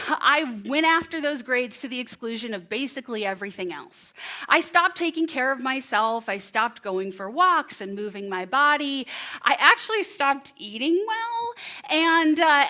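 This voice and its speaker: Woman storyteller, 30s, bright and slightly high voice, lively stage telling with pauses. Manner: expressive, animated delivery with dramatic pauses. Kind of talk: live storytelling performance. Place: presentation room before an audience.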